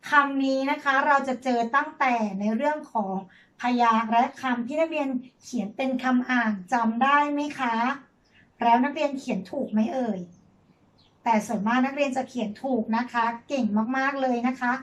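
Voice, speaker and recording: A woman teacher leading a reading lesson for young children, spelling words out and praising her pupils gently. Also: sits high, moderate pace, rough recording.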